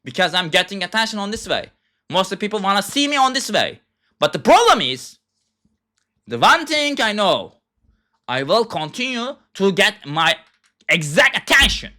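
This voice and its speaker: A young man with a Turkish accent delivers a heated, profane rant in broken English. His voice sits high and swings widely in pitch, with a bright, sharp edge. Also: big pitch swings, normal speed. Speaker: self-styled philosopher. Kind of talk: ranting monologue.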